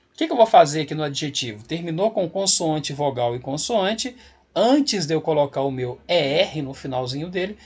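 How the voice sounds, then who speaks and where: Husky-voiced man teaching grammar patiently. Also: a little high. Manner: patient, checks in with rising "ok?". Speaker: English teacher. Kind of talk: explaining grammar at a board.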